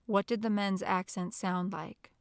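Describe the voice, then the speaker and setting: A woman's voice: mid-range voice, steady tone, clean tone, dry recording, clean studio sound, close to an everyday voice. A woman voicing a serious male federal agent. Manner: measured, formal questioning.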